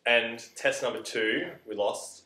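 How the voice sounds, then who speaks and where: A man's voice: mid-range voice, slow, sharp tone, slight background noise. Joking man in an echoey room. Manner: banter, jokey and blunt. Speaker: co-host. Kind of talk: casual chat.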